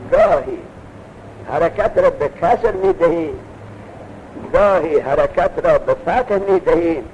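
A man's voice: a little high, creaky, a little mellow. A man teaching a classroom lesson, lecturing with rhetorical questions and reading texts aloud. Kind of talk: classroom lecture on Arabic grammar. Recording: dull lo-fi recording with faint noise.

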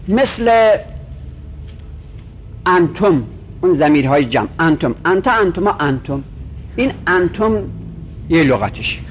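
High, lively-voiced male teacher. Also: slight background noise. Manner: methodical, repeats and stretches out example words. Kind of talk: grammar lecture.

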